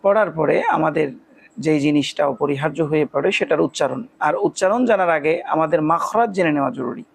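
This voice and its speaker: A man teaching Quran reading, explaining step by step and slowly chanting letters and syllables in drills. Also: fairly high pitch, gravelly. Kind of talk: spoken lesson with slow recitation and spelling drills.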